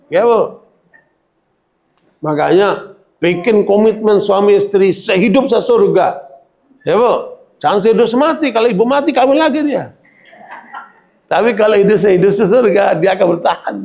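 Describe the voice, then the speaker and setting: Gravelly high-voiced male preacher. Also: a little mellow. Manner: keeps checking in with the audience, colloquial. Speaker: Islamic preacher. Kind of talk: religious lecture to women.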